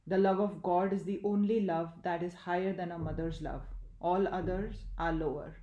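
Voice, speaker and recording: A woman reading a spiritual book aloud in a measured, even way, in an echoey room. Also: fairly low pitch, dull audio. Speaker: audiobook reader.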